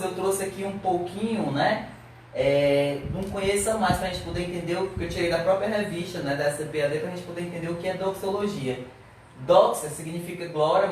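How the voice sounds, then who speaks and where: A man teaching a Sunday Bible class, earnestly exhorting his listeners with rhetorical questions. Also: high-pitched. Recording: very echoey, distant mic, faint noise.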